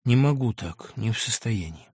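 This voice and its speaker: A man's voice: medium pitch, lively intonation, moderate pace, darkish tone, breathy edge, dry recording, studio quality, pitched below the performer's own voice. A man voicing a shaken middle-aged doctor in an audiobook, pleading in a trembling voice. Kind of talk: audiobook reading.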